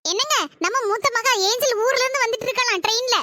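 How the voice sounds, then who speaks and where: A brisk, nagging cartoon village mother voiced by a woman with a Tirunelveli Tamil accent. Her voice is very high and bright, and she talks fast. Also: no echo. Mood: practical. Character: busy scolding village mother.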